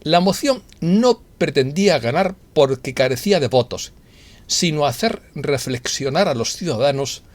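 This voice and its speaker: Spanish man reading an opinion monologue. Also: on the high side. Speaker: opinion vlogger.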